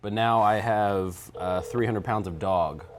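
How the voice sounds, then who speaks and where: A man with a lowish voice sits in as guest co-host. He makes dry, teasing wisecracks at the host's expense in a relaxed comedic chat. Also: measured pace, a little hiss or hum.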